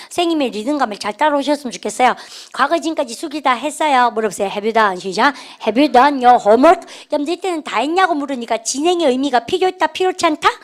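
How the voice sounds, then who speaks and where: 여성, 높은 목소리, 영어 문법 강의, 구령에 맞춰 따라 말하게 함, 예문은 천천히. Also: female voice, sits high. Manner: call-and-response drilling, cues students with "시작" and says English sentences slowly. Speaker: English grammar teacher. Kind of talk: classroom grammar lecture.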